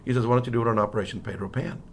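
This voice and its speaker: A middle-aged history professor from Miami, with an American accent, is a guest in a casual interview, telling anecdotes in a mid-range, steady voice. He speaks haltingly and conversationally, often circling back to rephrase, and the recording has noticeable background noise.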